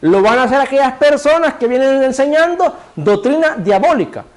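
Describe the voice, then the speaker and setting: Male preacher, high voice, sermon delivery, rhetorical questions answered himself, cues a reader to repeat verses. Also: lively intonation, normal speed, a little mellow. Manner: asks the congregation rhetorical questions and answers them; directs a reader to repeat scripture phrases.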